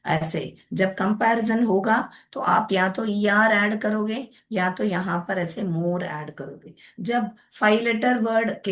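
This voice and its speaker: Slow, patient woman teacher. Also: mid-range voice. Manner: patient, explaining step by step, addresses pupils as child; mixes English words into the explanation. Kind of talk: classroom grammar lesson.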